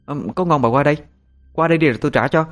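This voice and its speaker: A man's voice: mid-range voice, expressive, fast, darkish tone, soft background music, close to an everyday voice. A man voicing a defiant young woman with a mocking, teasing manner. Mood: taunting.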